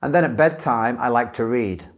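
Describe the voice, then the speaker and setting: A man, an English teacher, giving scripted model answers as an exam candidate in a clear, careful delivery. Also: mid-range voice, normal speed.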